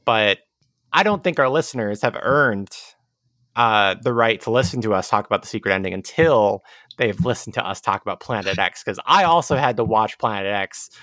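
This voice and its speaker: A man's voice: lowish voice, animated, moderate pace, sharp tone, no echo. Wry man co-hosting a podcast, dry close sound. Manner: wry, jokey, ironic riffing. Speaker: podcast co-host. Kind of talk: casual chat discussing a video game.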